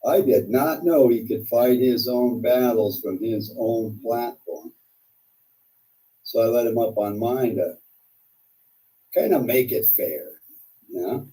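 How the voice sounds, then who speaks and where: Distant-miked man, dark mellow tone, casual livestream host, rambling, profane, combative. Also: medium pitch, slow pace, long pauses. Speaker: live stream host. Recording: distant microphone.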